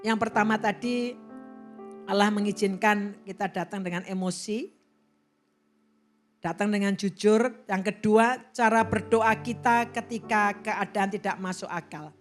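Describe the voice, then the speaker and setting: A woman pastor preaching a sermon in a church, lively and expressive, now and then acting out quoted voices. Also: medium pitch, unhurried, soft background music.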